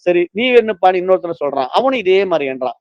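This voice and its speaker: A male spiritual teacher explains a philosophy text by telling a story and acting out its quotes. His voice sits high for a man. The recording is dry and close, with muffled, lo-fi sound. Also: animated, quick pace, no room sound.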